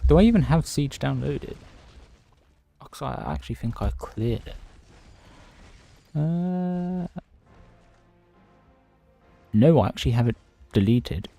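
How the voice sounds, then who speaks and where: A man talks casually on his livestream from home and greets viewers as he goes. He rambles from one thought to the next in a chatty way at an ordinary middle pitch. The sound is dry and close, with faint music underneath. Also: animated, takes it slowly, vocal fry, pauses often, mellow, dry recording. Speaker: livestreaming gamer.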